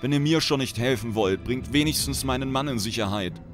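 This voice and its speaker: A man voicing a desperate, dying woman prisoner in a high, strained, pleading voice while reading a story aloud. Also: brisk, lightly acted. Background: background music.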